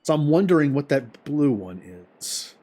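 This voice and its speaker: A man's voice: a little high, sing-song, normal speed, warm tone. A man chatting casually as he streams a game and comments on it live.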